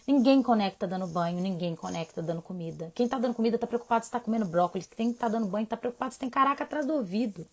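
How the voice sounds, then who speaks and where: A woman, a child sleep doctor chatting casually through a live Q&A, animated and talkative. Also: mid-range voice, very fast, hardly any pauses. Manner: animated, chatty, swinging between soft asides and emphatic bursts. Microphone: phone mic on a social media live stream.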